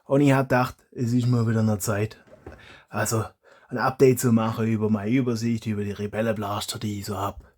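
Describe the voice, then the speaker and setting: A man's voice: on the low side, little pitch movement, a little fast, darkish tone. A man, a hobby YouTuber chatting casually as he reviews toy blasters, rambling and correcting himself aloud.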